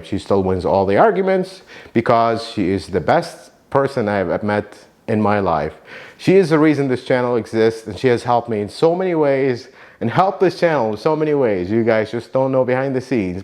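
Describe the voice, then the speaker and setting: This is a sincere thank-you to viewers from an Iraqi car mechanic who runs a YouTube channel. He's a first-language Arabic speaker, and his warm gratitude carries lively rises and falls in pitch.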